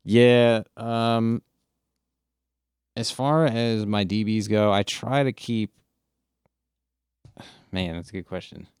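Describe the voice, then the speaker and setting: A laid-back man with a fairly low, smooth and resonant voice, recorded dry and close in a home studio. He rambles casually, full of fillers and swearing, as he chats with his live-stream viewers. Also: takes it slowly, pauses often, a little mellow, no echo. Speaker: music streamer.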